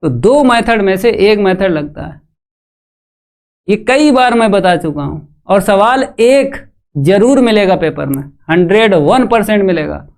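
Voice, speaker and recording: Man, maths teacher, live online class, slow, smooth clear voice, quizzes the chat. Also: high-pitched, expressive, darkish tone. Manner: talks students through steps, quizzes the live chat; calls students "bhai".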